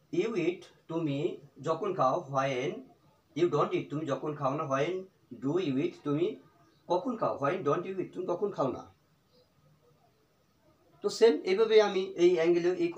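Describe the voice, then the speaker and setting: Man teaching slowly in an echoey room. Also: a little high, muffled recording. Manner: slow repetitive drilling of example phrases. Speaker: English teacher. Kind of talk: spoken English lesson in Bengali.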